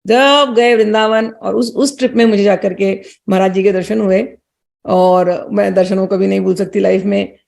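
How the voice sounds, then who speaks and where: Earnest woman with a gravelly voice. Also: mid-range voice, steady tone, moderate pace, darkish tone. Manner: earnest, emotional, repeats words while telling. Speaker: devotee sharing a personal story. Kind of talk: casual devotional storytelling.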